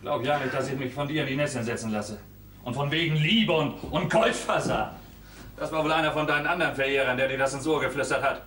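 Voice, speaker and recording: An actor playing an exasperated, blustering young lodger in a stage comedy, heard from afar on an echoey stage. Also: male voice, medium pitch, fast talker, a bit bright, distant mic, slight background noise, close to an everyday voice. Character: exasperated young lodger trying to end an affair. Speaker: Fred, furnished-room lodger.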